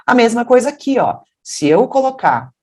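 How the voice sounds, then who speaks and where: A woman from Brazil teaching English pronunciation, explaining patiently and then modeling English words in a deeper voice. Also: very animated, normal speed. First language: Portuguese. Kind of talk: pronunciation lesson.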